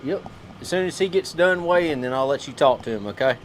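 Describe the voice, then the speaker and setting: Loud man calling a weigh-in. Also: on the high side, lively intonation, brisk, a little hiss or hum. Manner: loud, chatty, coaching others. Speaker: tournament weigh-in announcer. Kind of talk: live weigh-in commentary. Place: outdoor lakeside weigh-in.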